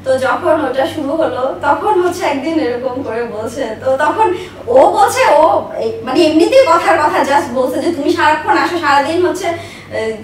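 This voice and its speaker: A woman in her thirties who runs a business tells personal life stories as an interview guest, in a high, expressive voice at normal speed. She speaks emphatically, repeating herself for stress, and the recording sounds echoey, with a distant mic and faint noise.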